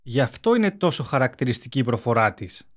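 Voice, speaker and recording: A speaker reading dialogue lines for a language lesson in an even way. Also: medium pitch. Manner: even, read-aloud conversational lines.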